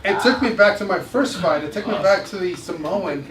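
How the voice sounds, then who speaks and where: A man telling stories to a small live group as a motivational speaker and former boxer. He is animated, laughs often and repeats phrases. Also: sits high, a little fast, crowd noise. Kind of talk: storytelling talk to a small group. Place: indoor room with a live audience. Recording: echoey room, distant mic, background noise.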